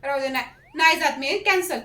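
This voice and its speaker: A woman's voice: high voice, fairly quick, sharp tone, reverberant. A woman playing a suspicious, stubborn wife in a comic skit. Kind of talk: comic sketch acting.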